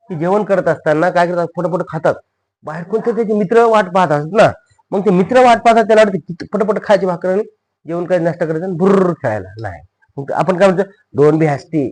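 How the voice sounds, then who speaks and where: A man teaching spoken English, who says each phrase slowly and repeats it. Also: high-pitched, low-quality recording.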